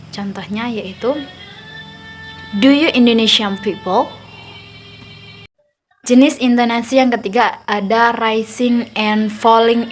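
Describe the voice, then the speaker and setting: A young woman, a student, reading a class presentation aloud in a careful, measured way, slowing down to say her examples. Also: a little high.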